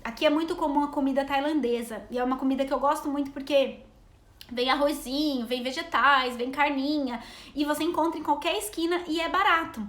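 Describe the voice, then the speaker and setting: A woman's voice: sits high, fairly even intonation, brisk, a bit bright, reverberant. A Brazilian woman in her thirties chatting to viewers in a rambling live stream, a travel vlogger and mother. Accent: Brazilian Portuguese. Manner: chatty, rambling, reading out comments.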